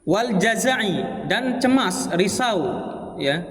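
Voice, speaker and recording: A man with a high voice gives a relaxed religious lesson, asking his listeners questions and answering them himself. He reads short Arabic phrases and explains them plainly. His voice carries a long reverb from a large mosque hall. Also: slow pace. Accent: Indonesian, Palembang. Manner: asks the audience rhetorical questions and answers them; explains Arabic text phrase by phrase in casual Indonesian. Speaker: ustadz teaching a mosque study circle. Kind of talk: Islamic study lecture.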